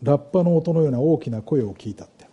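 A man's voice: on the high side, expressive, fast, husky, lo-fi sound. A middle-aged man preaching a sermon, reading scripture aloud and asking the congregation questions. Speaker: pastor.

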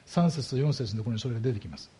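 A man's voice: medium pitch, expressive, warm tone, a little hiss or hum. A man preaching a sermon as a pastor, explaining scripture and asking his congregation rhetorical questions. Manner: slows down heavily on key words.

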